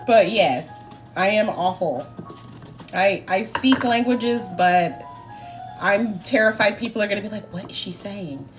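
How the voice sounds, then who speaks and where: A woman's voice: medium pitch, a little slow. Woman, cooking livestream host, chatty and laughing, faint background music. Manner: chatty, laughing, talks to live chat. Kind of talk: casual chat while cooking.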